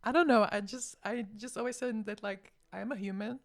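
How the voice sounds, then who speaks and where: A woman, a guest on a casual radio chat, talking in an earnest, halting way with many fillers. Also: fairly high pitch, fairly even intonation, gravelly.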